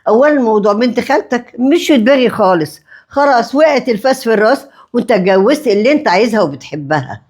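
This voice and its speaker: A woman playing a blunt, defiant Egyptian mother-in-law in a web drama skit. Her husky voice sits fairly high and fires off retorts at a rapid clip. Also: lively intonation, darkish tone. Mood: sharp. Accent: Egyptian Arabic. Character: stubborn sharp-tongued middle-aged mother-in-law.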